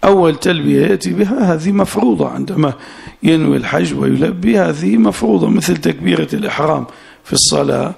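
A man's voice: fairly high pitch, fast talker, vocal fry, a little mellow, slightly rough. A sheikh giving a classical Arabic lesson in a mosque, explaining the text line by line and often saying "yes" as he goes. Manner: explains phrase by phrase, often interjects "na'am". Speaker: sheikh teaching a fiqh text.

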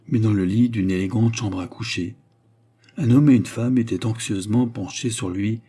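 Guy narrating an old novel, steady pace, mellow dark husky voice. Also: on the low side. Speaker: audiobook narrator. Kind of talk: scripted narration.

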